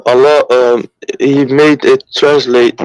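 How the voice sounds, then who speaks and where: A man speaking haltingly and hesitantly as a caller in an informal religious debate. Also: medium pitch, little pitch movement, low-quality recording. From Turkey.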